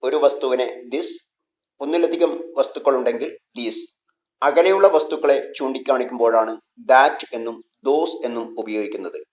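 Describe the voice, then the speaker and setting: A man with a Malayali accent teaching English in a scripted lesson. He reads English phrases slowly and then explains them in Malayalam. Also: medium pitch, highs cut off.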